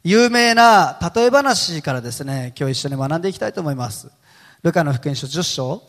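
A male pastor speaking to his congregation in a high, very animated voice that swoops up and down. He talks in a chatty, storytelling way and laughs easily. The long reverb of a large hall trails after each phrase. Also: normal speed. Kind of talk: sermon.

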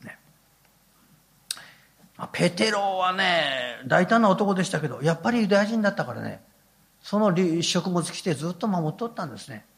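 A man's voice: high voice, sing-song, normal speed, vocal fry, long pauses, a bit bright. An older man, preaching a sermon as a pastor with folksy, humorous storytelling.

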